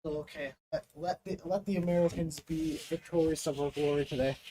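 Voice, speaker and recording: A man's voice: fairly high pitch, fairly even intonation, brisk, mellow, a little hiss or hum, poor audio. A man chiming in as a co-host on a live stream, making playful, jokey remarks.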